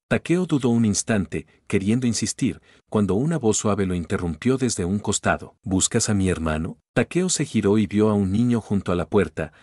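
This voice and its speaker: A man narrating an audio novel in a steady, measured reading. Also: on the low side, no room sound, studio quality.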